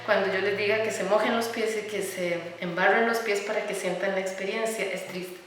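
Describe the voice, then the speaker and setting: A middle-aged woman with a Costa Rican Spanish accent, speaking earnestly as an interview guest, often pausing on fillers and repeating words. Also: mid-range voice, steady tone, slight background noise. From Costa Rica. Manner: earnest, warm about children, many fillers and repeated words. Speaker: architect and educator, interview guest. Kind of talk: conversational interview. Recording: echoey room, recorded from some distance.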